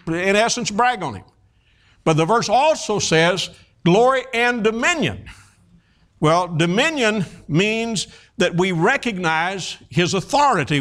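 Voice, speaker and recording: This preacher, a man in his fifties, has a high-pitched voice. He tells stories in a folksy, lively manner, with lots of fillers and false starts.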